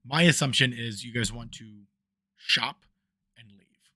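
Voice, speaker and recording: A man's voice: mid-range voice, a little slow, pushed and bright, no echo. A man running a tabletop game as dungeon master, rambling with lots of ums, his voice fading as he moves off the mic. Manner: rambling, full of ums and restarts; moves around, voice swells and fades off the mic. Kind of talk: casual tabletop game narration. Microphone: new desk microphone.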